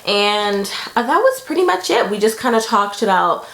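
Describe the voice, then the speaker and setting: A woman's voice: mid-range voice, big pitch swings, normal speed, a bit bright, reverberant, poor audio. A young woman giving a casual, rambling pregnancy update vlog, talking to viewers with many fillers. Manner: chatty, rambling, lots of fillers. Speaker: vlogger.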